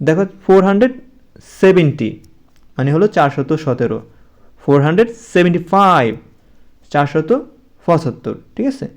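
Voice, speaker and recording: A man's voice: fairly high pitch, expressive, normal speed, pauses often. A man giving a casual spoken English lesson to young pupils, repeating numbers patiently and often checking with "okay?".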